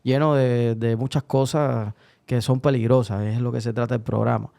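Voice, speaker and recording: A man's voice: mid-range voice, steady tone, moderate pace, creaky, warm tone. A man hosting a podcast in casual chat, rambling with hesitations and restarts. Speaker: podcast host. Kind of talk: casual chat and joke-telling.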